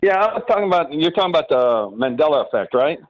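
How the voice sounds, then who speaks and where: A man's voice: on the high side, big pitch swings, fast, dry recording. A man calling in to a talk show over a phone line on speakerphone, chatting casually and rambling with restarts. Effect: heard over a phone line on speakerphone. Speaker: caller. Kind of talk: casual call-in chat. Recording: muffled dry phone line.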